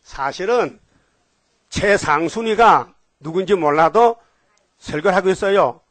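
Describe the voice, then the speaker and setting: A male pastor with a Gyeongsang accent preaches in an animated style and keeps throwing questions at his listeners. His voice sits a little high for a man. The recording is close and dry, with almost no room sound. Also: a little slow, dry recording. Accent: Gyeongsang Korean. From Gyeongsang region, Korea. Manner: animated, questions the congregation, jumps between topics. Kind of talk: sermon.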